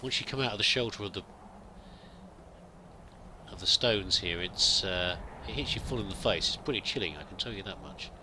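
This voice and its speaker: A man with a deep voice and lively intonation speaks at a moderate pace, pausing often. He's a let's play gamer roleplaying a pilgrim, musing through in-character commentary hesitantly and with many restarts, with background noise behind him.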